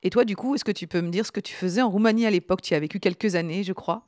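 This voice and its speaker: A woman hosting an interview, talking in a measured, thoughtful way with occasional fillers. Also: medium pitch, darkish tone, dry recording, studio quality. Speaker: host.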